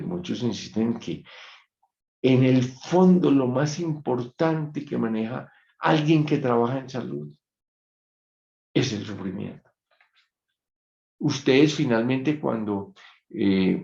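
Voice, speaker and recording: Low gravelly guy giving a lecture, muffled roomy sound, calm storytelling. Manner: measured, reflective storytelling. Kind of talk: online lecture. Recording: dull muffled sound in an echoey room.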